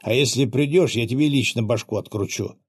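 A man's voice: medium pitch, brisk, slightly rough, natural voice. A man voicing a blunt, foul-mouthed young male soldier who grumbles and swears in an audiobook. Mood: angry.

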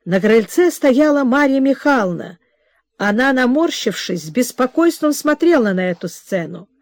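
A woman narrating a classic novel as an audiobook in a measured, expressive way. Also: on the high side, dry recording. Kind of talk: scripted literary narration.

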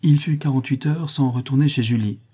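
A man narrating a literary novel as an audiobook with a steady, expressive reading. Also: medium pitch, a little fast, husky. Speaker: audiobook reader.

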